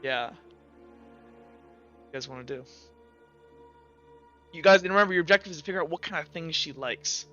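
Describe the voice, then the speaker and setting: This man, narrating on the fly as a tabletop roleplaying game master, has a sharp, high-side voice and speaks a little fast but with long pauses. His casual, hesitant improvisation leans heavily on "like" and "kinda." The lo-fi recording is dull, with music behind it.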